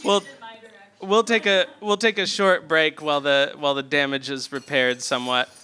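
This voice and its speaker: A man's voice: fairly high pitch, steady tone, moderate pace, pushed and bright. A man hosting a live comedy game show on a theatre stage, joking and laughing between rounds. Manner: joking, laughs often, loose and chatty.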